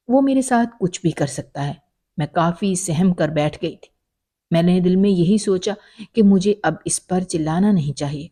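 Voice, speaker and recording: Female storyteller, warm low voice, emotional first-person narration.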